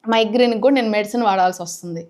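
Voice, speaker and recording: A middle-aged woman vlogger who runs a cooking channel, emotionally to her viewers and rising to sharp, indignant outbursts. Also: medium pitch, rapid-fire. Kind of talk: emotional talk to camera.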